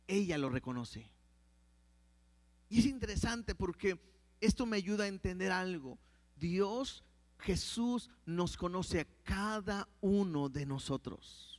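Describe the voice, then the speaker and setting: Male pastor, high voice, stop-start explaining between readings, echoing hall. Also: a bit bright. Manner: reads verses aloud, then explains with many restarts. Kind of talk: sermon with Bible reading.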